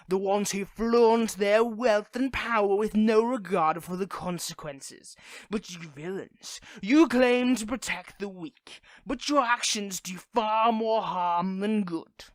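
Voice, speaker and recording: A performer plays a dramatic supervillain who is affectionate with a partner, swinging in this intimate audio roleplay from gentle warmth to grand threats. Their voice is mid-range, and the recording has no echo.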